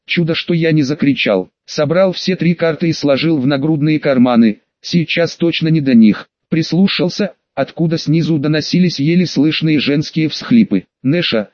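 A man narrates a first-person audiobook in a steady, even reading voice that sits a little high. The sound is dull and lo-fi, and completely dry, with no room echo. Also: moderate pace, few pauses.

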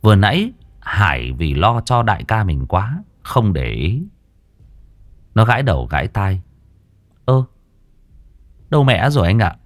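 A man's voice: lowish voice, big pitch swings, a little slow, long pauses. A man narrating a ghost story in a vivid, colloquial storytelling manner. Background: soft music.

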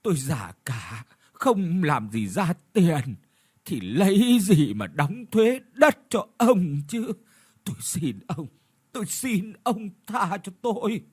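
A frail old woman of nearly eighty begs for mercy in a slow, tearful, raised voice, as a male narrator puts her on. Her words drag and quaver with a husky edge. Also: sits high, sing-song, darkish tone, voice pushed up, full character voice. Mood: tearful begging.

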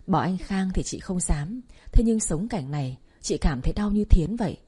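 Husky-voiced woman narrating a drama. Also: on the low side, normal speed. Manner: emotive, steady storytelling. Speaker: storyteller. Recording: faint background music.

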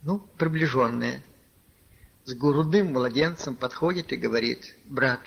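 A man's voice: mid-range voice, a little slow, vocal fry, slightly rough. A man preaching a conversational sermon, telling a personal story and addressing his listeners as brothers, with many filler words. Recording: lo-fi archival tape recording.

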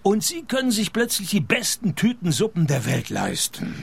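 Gravelly, deadpan noir private detective. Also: male voice, high-pitched, normal speed, exaggerated voice. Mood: dry, needling. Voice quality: gravelly, raspy. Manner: deadpan, sardonic, dry wisecracks. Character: wry, world-weary male private detective narrating his case. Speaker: lead character and narrator. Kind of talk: noir detective radio drama, deadpan narration and dialogue.

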